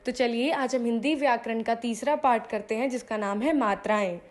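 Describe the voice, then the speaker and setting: A young woman with a high, bright voice teaches children a grammar lesson. She asks the class questions and answers them herself. She draws out single sounds and repeats key phrases slowly.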